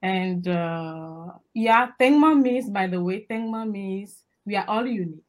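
A woman's voice: mid-range voice, unhurried. A woman from Togo with a Togolese accent, introducing herself conversationally as a guest in an interview. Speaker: guest, advocate and trainer.

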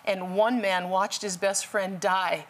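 A woman's voice: mid-range voice, steady tone, slow. A woman guest telling a dramatic rescue story as a testimony, then urging listeners with preachy passion. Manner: impassioned, preachy. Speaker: guest speaker.

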